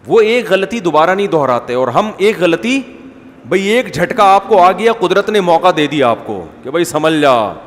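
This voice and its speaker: A man's voice: high voice, in a large hall. A man delivering a sermon, telling anecdotes with jokes and rhetorical questions. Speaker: Islamic preacher.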